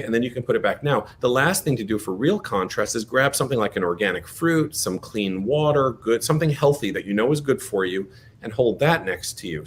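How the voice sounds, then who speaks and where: A man teaching a breathing exercise, giving gentle step-by-step guided instructions in a coaxing manner. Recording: noisy background with low rumble.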